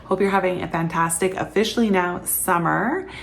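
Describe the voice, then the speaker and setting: A woman's voice: lowish voice, moderate pace, gravelly, a little hiss or hum. A woman from Canada in her thirties, chatting casually to camera as a vlogger, tired and laughing often.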